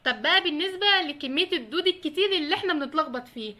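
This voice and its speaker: A woman's voice: high voice, expressive, rapid-fire, pushed and bright. A young woman with an Egyptian Arabic accent, a veterinary student giving chatty study advice straight to her viewers and laughing often. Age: young adult. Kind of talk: casual advice vlog.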